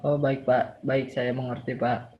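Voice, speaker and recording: A man's voice: medium pitch, level tone, measured pace, close to an everyday voice. A man playing a polite middle-aged patient on a health call, deferential and hesitant, describing things piece by piece. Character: polite middle-aged male patient reporting his symptoms. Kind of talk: role-played patient call. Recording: dull lo-fi call audio.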